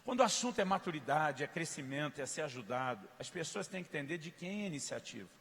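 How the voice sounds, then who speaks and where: A man from Brazil preaching a sermon as pastor, telling stories and acting out dialogue, rising to loud emphatic peaks. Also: a little high, sing-song, fast. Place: church hall. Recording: reverberant church hall.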